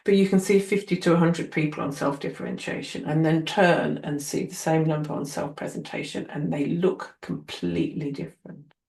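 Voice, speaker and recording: A woman's voice: low voice, fairly even intonation, normal speed, vocal fry, few pauses, a little mellow. A woman occupational therapy trainer giving an earnest, encouraging, casual talk to newcomers. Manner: earnest, encouraging, acts out quoted people. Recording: roomy echo.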